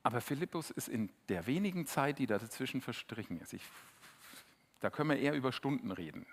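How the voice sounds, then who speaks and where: A middle-aged man preaching a sermon in a lively, conversational way, acting out the quotes he tells. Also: mid-range voice, fast talker.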